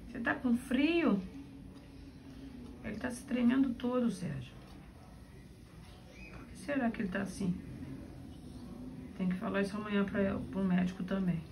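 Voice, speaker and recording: A woman's voice: mid-range voice, measured pace, creaky, long pauses, noisy background. A woman who owns the dogs, talking to her pets in coaxing baby talk in a casual home video. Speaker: dog owner.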